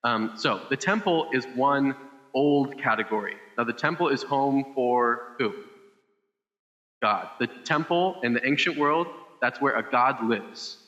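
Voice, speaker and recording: Bright-voiced male pastor in a reverberant hall. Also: medium pitch, a little slow, lo-fi sound. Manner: chatty, with many fillers and restarts. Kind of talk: casual sermon. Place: church service. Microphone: microphone.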